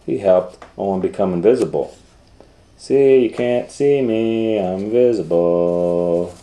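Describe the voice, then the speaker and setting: A middle-aged man reads a children's picture book aloud, sinking to whispers and then rising to loud, excited voices as the story goes. His voice is low-pitched and the sound feels roomy.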